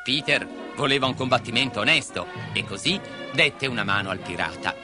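A man's voice: medium pitch, lively intonation, brisk. A man narrating a children's story expressively, slipping into voices for the characters. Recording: music behind the voice.

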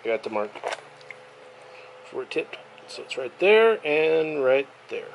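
A man who repairs violins, explaining each step of a workshop tutorial in a relaxed, step-by-step way while working at his bench. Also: a little high, measured pace, vocal fry, slight background noise. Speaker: violin maker.

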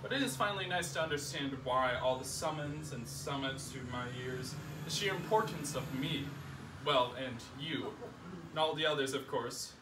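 A young man gives a live reading of a funny first-person essay at a literary salon held in someone's living room, before a small seated audience. He projects in a deliberate, mock self-important manner, his pitch fairly high. A distant camera microphone picks him up with roomy echo and faint noise.

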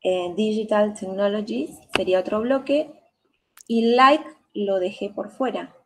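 A woman's voice: medium pitch, a little slow, a bit bright. A woman student answering in class, hesitant and full of "eh" fillers, mixing Spanish with English phrases. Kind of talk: class participation.

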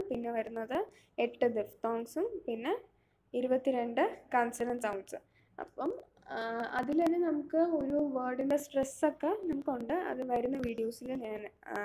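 A woman's voice: on the high side, mellow. A woman teaching phonetics, patiently sounding out words one sound at a time. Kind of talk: explaining lesson step by step.

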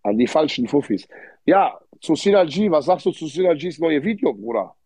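Husky man, Arabic-accented street German. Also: on the high side, very animated, moderate pace, mellow, no echo. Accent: Arabic-influenced German. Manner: streetwise slang, frequent Arabic interjections and repeated words. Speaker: livestream host. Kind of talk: casual livestream chat with slang. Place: indoor hotel room. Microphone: phone without headphones, held close. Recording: dull, lo-fi phone livestream audio.

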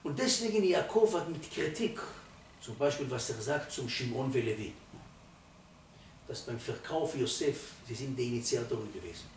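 A man in his eighties, a rabbi giving a Torah sermon, speaking emphatically and rising from quiet to loud to stress his points. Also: medium pitch, lively intonation, normal speed, slight background noise. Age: 80s. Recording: roomy, distant mic, faint ambience.

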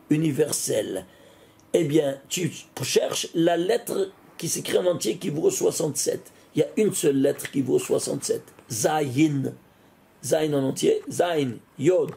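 A man's voice: a little high, takes it slowly, vocal fry. A man, a rabbi, teaching a recorded Torah class, putting questions to his listeners and answering them himself. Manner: asks questions and answers them himself, animated rise and fall.

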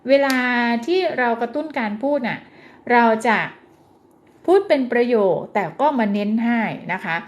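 A woman teaching parents how to encourage a child's speech, gentle and coaxing, who slows down and stresses words when she demonstrates. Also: on the high side, animated. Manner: gentle, coaxing, often ends phrases with polite particles. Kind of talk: parenting advice lesson.

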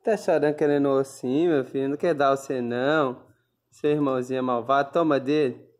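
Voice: mid-range voice, fairly even intonation, brisk, a little mellow. A person, filming pets at home on a phone, coaxing and cooing at puppies in a playful, chuckling way. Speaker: pet video maker.

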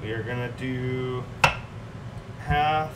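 A man's voice: medium pitch, takes it slowly. A young man hosting a home cooking livestream, chatting casually with viewers as he preps food in his kitchen. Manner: laid-back, chatty, talks to viewers in chat while cooking. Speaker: cooking show host. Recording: distant mic with clear room noise.

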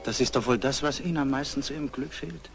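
Performing a charming male painter courting a young woman, an actor uses a gentle, coaxing manner typical of vintage German cinema. The acting is light, the pitch medium and the delivery fast, with music in the background.

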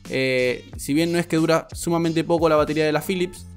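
A man's voice: a little high, fairly even intonation, fairly quick, soft background music. A man, a barber giving a frank, explanatory voice-over tutorial. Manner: frank, explanatory, repeats "muy pero muy". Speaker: barber reviewing shavers.

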